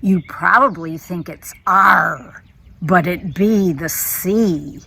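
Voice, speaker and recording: A woman telling one-liner jokes with slow, deliberate setups. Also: on the low side, gravelly, pushed and bright, slight background noise. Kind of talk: deadpan joke telling.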